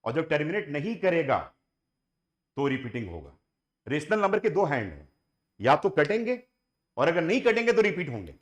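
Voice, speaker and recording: A man's voice: a little high, sing-song, normal speed, pauses often. A man teaching a maths lesson, coaxing his students and repeating each step, mixing in English phrases. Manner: coaxing and repetitive, mixes Hindi with English phrases. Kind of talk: classroom lecture.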